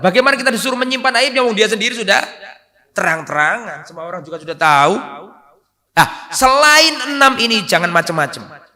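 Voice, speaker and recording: A high, bright-voiced man delivers a sermon in a hall with a long echo. He hammers his points with loud bursts and then sinks to quiet, low asides. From Indonesia. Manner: emphatic, rising to loud stress then dropping low. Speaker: preacher. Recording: echoey hall reverb.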